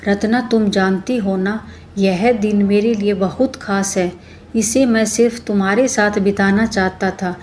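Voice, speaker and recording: A woman's voice: mid-range voice, fairly even intonation, a little slow, darkish tone, a little hiss or hum, close to an everyday voice. A woman voicing a middle-aged husband who talks in an earnest, pleading way. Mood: fond. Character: grieving then loving husband, middle-aged man.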